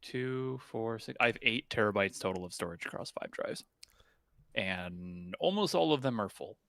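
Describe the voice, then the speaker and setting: A man's voice: lowish voice, animated, moderate pace, creaky, a bit bright, no echo, clean studio sound. A man chatting casually as a stream guest over group voice chat, often restarting his sentences and slipping in puns. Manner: stammering restarts, punning. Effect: heard over group voice chat.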